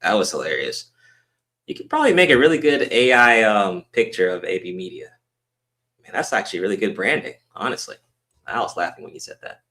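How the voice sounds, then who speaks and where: Deep-voiced laid-back male stream host. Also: big pitch swings, brisk, bright, forceful tone. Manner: laid-back, many "um" fillers. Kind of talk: casual live-stream chat.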